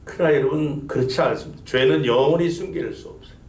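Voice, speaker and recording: A man's voice: fairly high pitch, fast, darkish tone. A male pastor preaching a sermon, building emphasis and asking the congregation rhetorical questions. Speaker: senior pastor. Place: church sanctuary. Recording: echoey church sanctuary.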